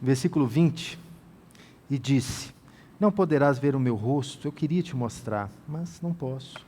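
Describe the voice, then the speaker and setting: A man teaching from the Bible in a sermon style, reading scripture and paraphrasing God's voice gently, then rising to emphatic exhortation. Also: medium pitch, normal speed, long reverb tail, slight background noise. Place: inside a tent.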